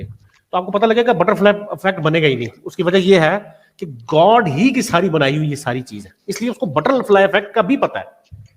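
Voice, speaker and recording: A man in a heated online debate, explaining calmly and telling the other not to shout. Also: high-pitched, breathy edge.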